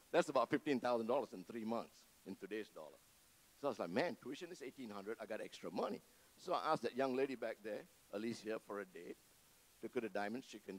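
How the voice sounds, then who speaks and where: A man's voice: medium pitch, poor audio. Man telling his story in church. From Malaysia. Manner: storytelling with humorous asides. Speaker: church member giving testimony. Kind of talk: personal testimony to a congregation. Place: church before a live congregation.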